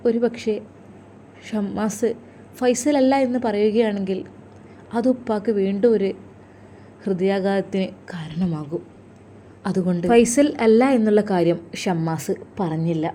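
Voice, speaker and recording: A woman with a Malappuram accent narrating an emotional story in a slow, heartfelt way. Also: mid-range voice, warm tone, a little hiss or hum. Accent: Malappuram Malayalam.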